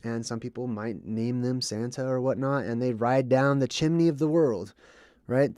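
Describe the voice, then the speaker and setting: A congested, slightly under-the-weather man hosts a livestream, explaining to viewers, reading chat, and frequently checking in with "okay" or "right." His mid-range, darkish voice moves at normal speed in clean studio sound without room sound.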